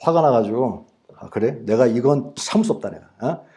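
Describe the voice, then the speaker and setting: Pastor, 40s, from Korea, sermon delivery with a lively, wide-ranging pitch. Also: male voice, normal speed. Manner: animated storytelling, acting out his past anger in prayer. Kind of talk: sermon with personal story.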